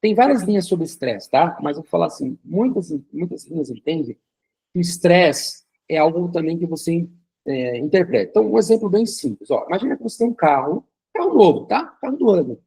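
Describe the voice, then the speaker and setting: Gravelly-voiced man teaching a class. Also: high-pitched, big pitch swings, a little fast, dark tone, poor audio. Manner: conversational, uses vivid hypothetical examples; frequent checking fillers. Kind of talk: recorded lecture.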